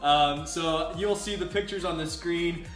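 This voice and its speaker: A man's voice: on the high side, unhurried, fairly bright tone. A young man in his twenties interviewing a pastor, playful and teasing, laughing often. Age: 20s. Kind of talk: casual interview over food. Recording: echoey room with faint music.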